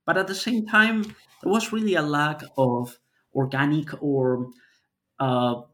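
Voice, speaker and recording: A man's voice: on the high side, steady tone, slow, fairly bright tone. Thoughtful man. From Peru. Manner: thoughtful, searching for words. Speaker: author, academic guest. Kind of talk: podcast interview.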